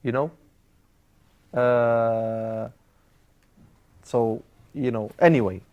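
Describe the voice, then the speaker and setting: A man's voice: medium pitch, fairly even intonation, extremely slow, lo-fi sound. A man teaching an Arabic grammar class, explaining step by step with frequent "uh" fillers and Arabic terms mixed in. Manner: explains step by step, repeating key words.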